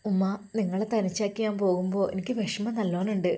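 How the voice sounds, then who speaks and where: A woman voicing a gentle young wife who speaks softly and sadly about leaving her mother. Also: mid-range voice, steady tone, fast, close to an everyday voice.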